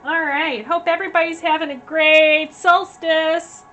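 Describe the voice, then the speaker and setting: A woman giving a casual tarot reading, chatty and rambling with many fillers, her voice slightly hoarse as she is losing it. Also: extremely high pitch, fairly even intonation, a little slow, pushed and bright, faint music behind. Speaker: tarot reader. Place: at home.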